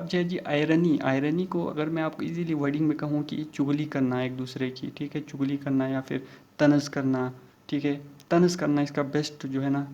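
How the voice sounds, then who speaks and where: A male teacher explaining a lesson. He mixes English terms into Hindi-Urdu, keeps checking in with "okay," and reads English example sentences slowly. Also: mid-range voice, darkish tone. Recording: dull lo-fi recording.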